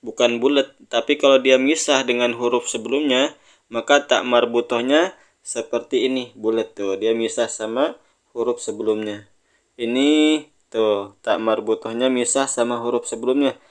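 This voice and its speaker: A man's voice: medium pitch, fairly even intonation. A man teaching Quran reading, stretching out each recited word before explaining it plainly, and inviting the listener to read along. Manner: drawn-out sung recitation of words, then plain explanation. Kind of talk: step-by-step recitation lesson.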